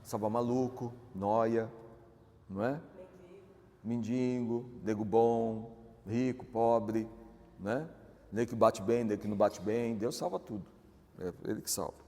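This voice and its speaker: A man's voice: on the low side, a little slow, pauses often, dark tone. A male pastor with a Brazilian accent preaching a sermon in a conversational way, often asking his listeners questions. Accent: Brazilian Portuguese. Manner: conversational, asks the audience questions. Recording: church hall with long reverb.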